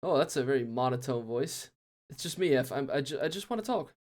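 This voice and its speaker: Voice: medium pitch, animated, brisk, darkish tone, lightly acted. A voice actor voicing an earnest, jumpy, teasing lead character in a game.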